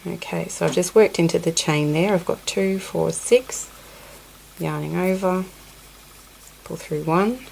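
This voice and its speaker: An unhurried woman with a cold, her voice on the low side, gravelly and a little mellow, teaches a crochet technique while the camera shows her hands up close. Sniffling, she counts stitches softly and apologizes in asides, with slight background noise in a low-quality recording.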